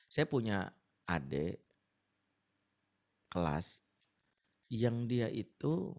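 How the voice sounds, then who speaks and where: A man's voice: lowish voice, vocal fry. A man speaking as an ustaz in a webinar on marriage, telling stories animatedly and acting out the voices of the people in them, heard over a video call. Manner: animated storytelling, acts out quoted voices.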